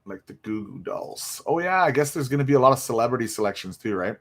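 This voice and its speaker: A young man runs a casual hockey livestream at a quick pace, his medium-pitched voice full of lively intonation. Even so, he is tired and yawning after little sleep, chatting in a rambling way with plenty of fillers.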